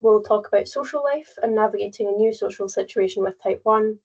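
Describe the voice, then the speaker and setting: A young woman in her late teens co-presents a webinar over a video call. She runs through the agenda briskly and in plain terms. Her voice comes through slightly muffled. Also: medium pitch, darkish tone.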